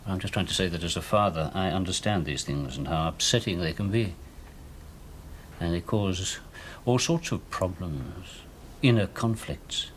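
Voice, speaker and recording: A middle-aged actor playing a patient, probing police detective who questions a suspect in a 1970s television police drama. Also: male voice, sits low, normal speed, a little hiss or hum, natural voice. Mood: coaxing. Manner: calm, probing, coaxing then pressing.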